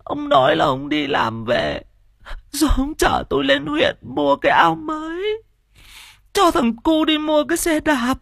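A man's voice: very high-pitched, big pitch swings, a little slow, vocal fry, a bit bright, no echo, studio quality, pitched above the performer's own voice, full character voice. A man voicing a grieving village widow who sobs and wails over her drowned husband, in an audio storybook. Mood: wailing grief. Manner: sobbing, wailing lament.

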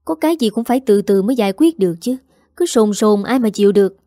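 A frustrated young husband, talking back irritably and fast, as a woman reading a story voices him. The voice is mellow and dry. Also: mid-range voice, expressive, no room sound, natural voice. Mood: defensive. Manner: defensive, irritable.

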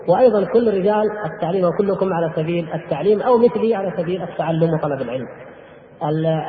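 Fast, high-voiced preacher in an echoey hall. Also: male voice. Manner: rhetorical questions, emphatic. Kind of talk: religious lecture. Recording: echoey hall over a phone-like line.

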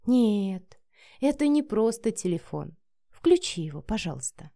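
A woman's voice: mid-range voice, sing-song, unhurried, gravelly, warm tone, no room sound, clean studio sound. A woman voicing a sarcastic, contemptuous rival who speaks with cutting smugness. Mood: smug. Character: smug, scornful rival woman.

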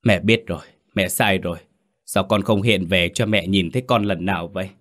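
A man's voice: deep voice, moderate pace, fairly bright tone. A man voicing a grief-stricken, remorseful mother in a spoken ghost story, tearful and pleading.

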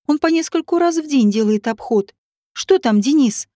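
A woman's voice: sits high, expressive, moderate pace, dark tone, no room sound. A woman voicing a wry, reserved woman who runs a guesthouse, in an audiobook, with a dry, mildly mocking manner.

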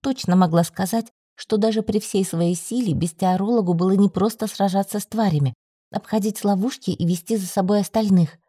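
A woman reading an audiobook in an even, measured way. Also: medium pitch, slightly rough, dry recording, clean studio sound. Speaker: audiobook narrator. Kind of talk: scripted narration.

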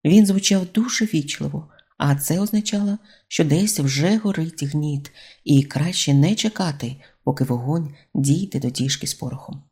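An audiobook narrator with a mellow, dark tone and a middle pitch. The reading flows in an even, measured storytelling manner. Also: husky.

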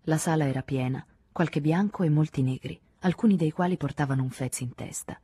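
A woman narrating a literary novel in the first person, measured and intimate. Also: low-pitched, warm tone, husky, no room sound. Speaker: audiobook narrator.

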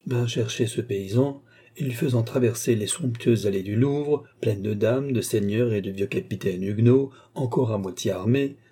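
A man narrating a historical tale as an audiobook reader, with expressive storytelling. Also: on the low side, moderate pace, husky.

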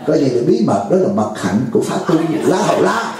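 Jovial monk in an echoey hall. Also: male voice, fairly high pitch, very animated, a little fast, a crowd in the background. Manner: jovial, teasing, acts out a caller's pleading voice. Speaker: Buddhist monk teacher. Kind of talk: dharma talk to lay audience.

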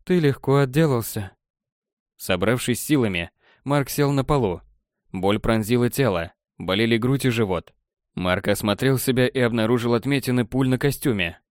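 A man narrating an audiobook in an even storytelling manner. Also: mid-range voice, normal speed, no echo, clean studio sound. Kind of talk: scripted narration.

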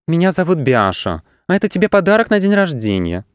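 A man voicing a gentle, adoring young female sheep in a children's story. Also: a little high, big pitch swings, fairly quick, smooth, no room sound, clean studio sound, voice pushed up. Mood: sweet.

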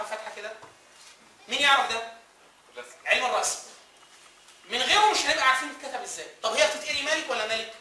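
A man's voice: very high voice, pushed and bright, a little hiss or hum. A man with an Egyptian Arabic accent giving a classroom lecture, firing questions at the class and answering them himself. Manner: quizzing the class, answering his own questions. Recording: echoey room recorded from a distance.

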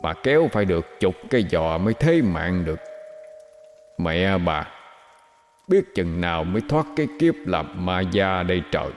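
A man voicing a greedy male water ghost that grumbles to itself in a hushed mutter. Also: low-pitched, sing-song, moderate pace, in a large hall, soft background music. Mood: grumbling mutter.

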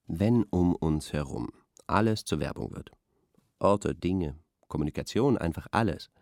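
Gravelly, a little mellow, low and unhurried, this actor's voice plays an earnest, pompous intellectual who analyses like an academic. He acts as an expert guest in a radio play staged as an interview. The recording is dry, with clean studio sound.

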